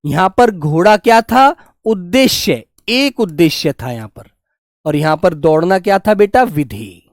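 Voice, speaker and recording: A man teaching a grammar lesson, dictating slowly and repeating phrases word by word, fondly reassuring his students. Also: sits high, expressive, dry recording, studio quality. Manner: fond, reassuring, calls students "dear children". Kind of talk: classroom lesson with slow dictation.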